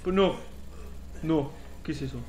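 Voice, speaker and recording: A man commenting on a horror game as he plays, swearing and shouting when something scares him. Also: a little high, unhurried, a little hiss or hum. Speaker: gameplay commentator. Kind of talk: let's play commentary. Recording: roomy echo with faint game ambience.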